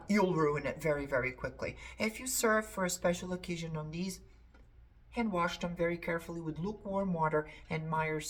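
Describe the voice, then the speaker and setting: ゆったり話す低めの声の女性. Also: female voice, low-pitched. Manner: chatty, repeats words for emphasis. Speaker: antiques reseller showing a haul. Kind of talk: casual chat to camera.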